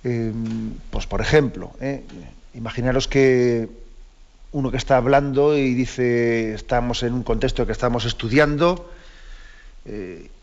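A man's voice: mid-range voice, measured pace, creaky. Explaining man, dull lo-fi sound. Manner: checks in with listeners through frequent tag questions. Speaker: presenter of a moral teaching program. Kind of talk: explanatory talk, reading and commenting a text. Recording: dull lo-fi recording.

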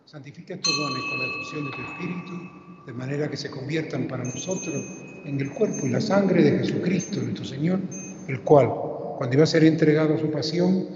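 A man, a priest reciting the prayers of the Mass in a steady, solemn way, heard with a cathedral echo. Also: fairly high pitch, fairly quick, background noise. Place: large church. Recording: echoey church from far off, dull.

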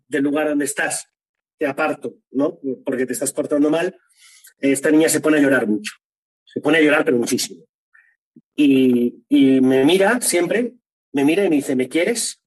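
Husky-voiced man, earnest. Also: on the high side, rough recording. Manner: earnest, tags phrases with "¿no?". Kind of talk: interview, faith testimony.

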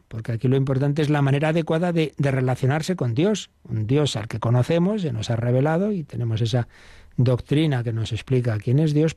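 A man's voice: medium pitch, warm tone, no echo, studio quality. A man giving a catechism lesson, explaining patiently with rhetorical questions and frequent restarts. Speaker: priest teaching the catechism.

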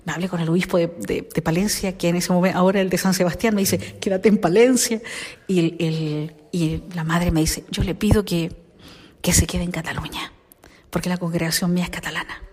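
A middle-aged woman with a husky, slightly low voice tells her story in an interview. She speaks in an animated way and often softens into near-whispers. The sound carries a long room reverb. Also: brisk. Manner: animated storytelling, many soft whispered asides. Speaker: consecrated virgin, singer.

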